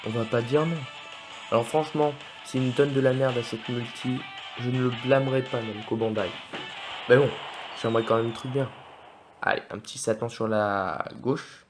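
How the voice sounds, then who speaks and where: A man giving live commentary on his game pulls in an excitable, joking way, often swearing and talking straight to his viewers. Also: medium pitch, normal speed, long pauses, over music. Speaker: gaming video host. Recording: clear background noise.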